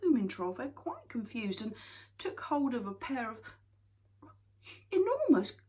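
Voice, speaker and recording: A woman reading a children's story aloud in an expressive, dramatic way. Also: a little high, a little slow, breathy edge.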